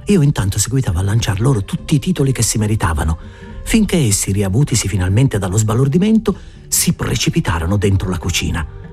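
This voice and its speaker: A man giving an expressive storybook narration as an audiobook reader. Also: lowish voice, fast talker. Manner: lively and animated. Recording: faint background music.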